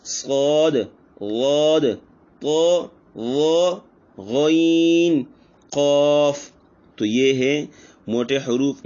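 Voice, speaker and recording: Slow, patient male Quran teacher. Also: medium pitch, highs cut off. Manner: patient, repeats each example slowly, drawn out. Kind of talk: slow instructional lesson.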